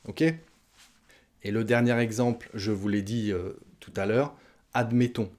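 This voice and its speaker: A man's voice: on the low side, steady tone, slow pace, a little mellow. A man teaching a French language lesson online, explaining expressions and acting out short example lines.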